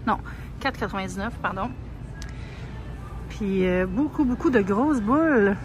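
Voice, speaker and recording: A woman's voice: medium pitch, expressive, a little slow, muffled recording. A young woman with a Québécois French accent chatting casually as she films herself browsing a big grocery store on her phone. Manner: chatty, lots of fillers, soft asides. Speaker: vlogger. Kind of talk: casual shop-with-me narration. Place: large grocery store, indoors. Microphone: handheld phone camera. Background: faint store music.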